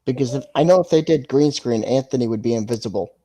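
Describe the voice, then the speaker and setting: A man co-hosting a casual fan podcast, talking in an excitable, playful, jokey way. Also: mid-range voice, quick pace. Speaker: podcast co-host.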